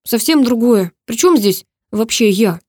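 A woman's voice: fairly high pitch, lively intonation, unhurried, no echo, studio quality. A woman voicing a hot-headed young adult brother who speaks in agitated bursts, in a novel reading. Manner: agitated, shouting.

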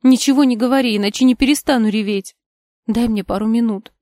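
A woman's voice: high-pitched, animated, fairly quick, warm tone, no echo, studio quality, voice pushed up. A woman voicing a hurt, tearful young girlfriend in a storybook reading, asking emotional, pleading questions.

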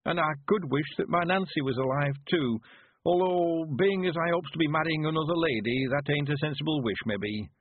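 A man's voice: a little high, moderate pace, phone-quality sound, a little hiss or hum, voice pushed up, close to an everyday voice. A man voicing a cheerful, sprightly rustic in his nineties with a rural West Country accent, speaking emphatic, folksy dialect for an audiobook. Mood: wistful. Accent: rural English West Country. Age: 90s. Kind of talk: audiobook character voice.

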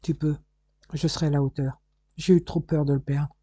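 Man reading as a worried young son, earnest, husky dark voice, audiobook. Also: on the high side, level tone, normal speed, dry recording.

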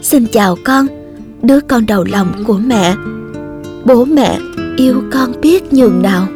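A woman's voice: on the high side, unhurried, music in the background, lightly acted. A woman reading as a tender young mother. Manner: tender, softly reading out letters. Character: loving young mother writing to her baby.

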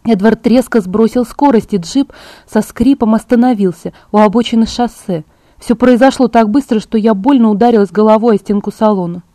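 A woman narrating an audiobook in a steady first-person storytelling manner. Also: on the high side, a little fast, no room sound. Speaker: audiobook reader.

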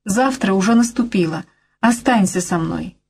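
A woman's voice: medium pitch, normal speed, vocal fry, a little mellow, husky. A woman voicing a frightened young woman who pleads and begs her lover not to go. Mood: desperate. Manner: desperate, pleading, tearful.

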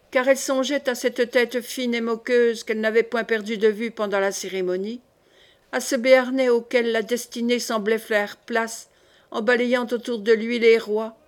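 Woman audiobook narrator, steady storytelling, slightly high pitch. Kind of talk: scripted narration of a historical novel.

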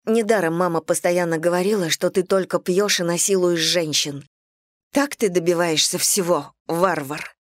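A woman voicing a young princess bride who is tearful and accusing, in a low, dry voice. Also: moderate pace, dry recording, close to an everyday voice.

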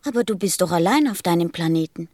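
A woman's voice: fairly low pitch, animated, fast, darkish tone. A woman playing a small, polite and curious boy prince in a German radio play, with an earnest, questioning way of talking. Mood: puzzled.

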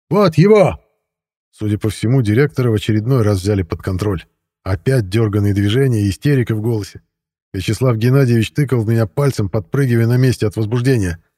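A man narrating a first-person audiobook in an even, steady storytelling voice. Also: on the low side, fast talker, breathy edge, dry recording, clean studio sound.

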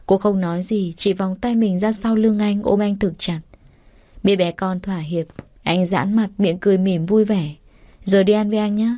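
A woman narrating a romance story aloud in an even, steady reading voice. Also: medium pitch, normal speed, no room sound, studio quality.

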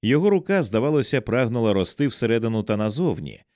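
A man reading a horror novel aloud as an audiobook narrator, with measured, dramatic storytelling. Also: big pitch swings, a little mellow, no echo, clean studio sound. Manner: measured, dramatic storytelling with wide swings in pitch.

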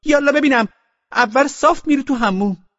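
A man's voice: very high voice, fairly even intonation, dry recording, highs cut off, pitched above the performer's own voice. A man narrating an audiobook voices a fussy bride obsessed with cleanliness, who shrieks orders and scolds with disgust. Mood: shrill commanding. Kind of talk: audiobook character voice.

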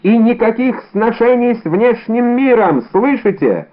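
A flustered, bossy commissioner snaps and barks orders, as a male audiobook reader puts him on. His pitch jumps around. The voice comes through thin and tinny, like a phone. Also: lively intonation, unhurried. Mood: exasperated. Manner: exasperated, barking orders. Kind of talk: audiobook character reading.

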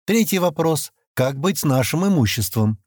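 Brief: man voicing a clever young guy, polite, measured, businesslike, slightly raised pitch, dry recording. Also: expressive, darkish tone, no room sound. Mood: calm. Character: sharp, polite young man asking questions.

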